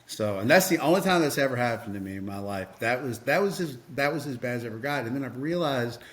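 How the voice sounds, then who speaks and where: A man's voice: medium pitch, animated, quick pace. A man, a podcast guest and coach, tells a personal story earnestly, with lots of fillers and restarts.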